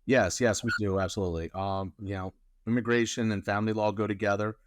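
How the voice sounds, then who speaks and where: A man's voice: on the low side, steady tone, fast, background noise. A man in his thirties, born in Colombia, answering interview questions as a guest lawyer in a rambling, casual way with many fillers.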